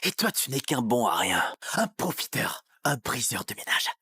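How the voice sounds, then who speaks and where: Casting: cruel, mocking rival in dubbed melodrama, very husky, sharp-edged voice. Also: male voice, medium pitch, very animated, normal speed, no room sound, heavily acted. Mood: contemptuous. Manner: sneering, taunting. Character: sadistic, arrogant male love rival, mocking bully.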